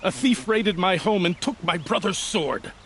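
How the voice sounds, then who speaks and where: A man's voice: sits high, unhurried, fairly bright tone, a little hiss or hum. An actor playing an aggrieved nobleman in a video game, speaking in an earnest, proud and formal manner. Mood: pleading. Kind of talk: video game dialogue acting.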